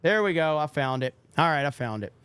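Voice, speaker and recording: On a casual livestream, a young male podcast host reads viewer donations aloud and swears offhandedly. His voice sits on the high side, expressive, fairly bright and smooth, moving at a fairly quick clip. The recording is dry.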